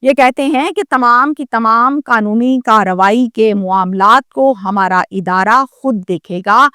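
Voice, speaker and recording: A woman with a Pakistani Urdu accent tells a crime story and then turns to indignant, lecturing commentary aimed straight at the listener. Her voice sits high and sounds sharp and bright. The recording is close and dry. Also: no echo. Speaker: crime news presenter.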